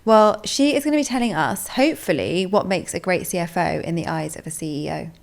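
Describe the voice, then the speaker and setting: A woman's voice: on the low side, animated, a little fast, gravelly. A woman interviewing conversationally as a podcast co-host.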